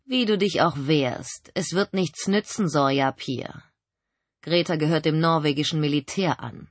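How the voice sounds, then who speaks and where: Woman doing a smooth, menacing cult leader. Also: low-pitched, no room sound. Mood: calm menace. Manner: smooth, measured, condescending. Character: suave male cult leader, coldly menacing.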